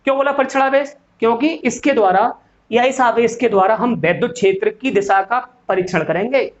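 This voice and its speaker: A man's voice: extremely high pitch, fairly quick. A male physics teacher lecturing in speech, asking questions and answering them himself. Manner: asks and answers his own questions, calls students "beta". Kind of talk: classroom lecture. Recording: dull lo-fi sound.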